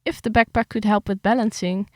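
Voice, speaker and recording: In clean studio sound with no room noise, a young woman speaks at a brisk pace in a medium-pitched voice. She's a writer who chats hesitantly about her article, fillers and all, and then reads it out with a steady delivery.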